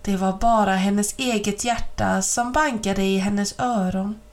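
Woman narrator, audiobook of a children's story, even and clear, mid-pitched. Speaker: reader.

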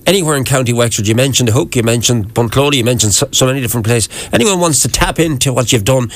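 A man's voice: medium pitch, expressive, fast talker, no room sound. A man with an Irish accent interviewing a guest as host of a conversational local radio show.

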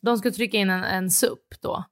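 A woman in her thirties co-hosting a podcast, telling a story in casual chat, acting out what others said and swearing freely. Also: medium pitch. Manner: animated retelling, acts out dialogue, swears casually. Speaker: podcast co-host.

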